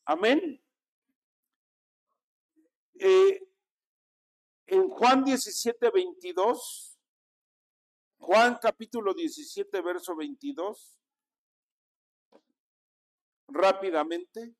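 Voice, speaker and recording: A Mexican pastor preaching a sermon in a notably high voice. He speaks at an unhurried, deliberate pace and keeps calling on the congregation to answer and repeat his words. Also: lively intonation. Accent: Mexican Spanish. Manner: preaching with call-and-response to the congregation.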